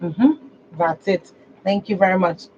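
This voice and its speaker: A woman's voice: medium pitch, steady tone, a little slow, darkish tone. A woman with a Nigerian accent hosting a conversational phone-in advice show on the radio. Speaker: radio call-in show host. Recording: dull lo-fi broadcast with noise.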